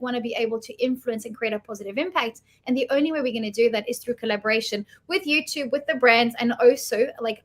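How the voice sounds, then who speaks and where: A woman hosting an online masterclass, introducing speakers in an enthusiastic, gushing way. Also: fairly high pitch. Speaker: webinar host.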